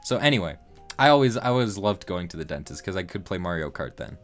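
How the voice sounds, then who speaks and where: A young man in his late teens chats casually on a livestream, his voice sitting a little low. He rambles freely and keeps restarting his sentences with fillers. Faint music plays quietly behind him. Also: very animated, fast talker. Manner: rambling, loose talk full of fillers and restarts. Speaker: livestream host.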